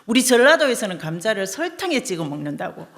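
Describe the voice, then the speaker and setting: A woman's voice: mid-range voice, expressive, normal speed, fairly bright tone, close to an everyday voice. A woman preacher voicing a stubborn, offended wife who insists on her own way in a joke. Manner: insistent and defiant.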